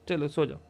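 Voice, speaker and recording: A man's voice: sits high, vocal fry, dark tone, a little hiss or hum. Doting man. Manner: coaxing, doting baby talk to his pet cat. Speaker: game streamer. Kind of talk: casual live-stream chat. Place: at home with his cat. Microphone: desk microphone.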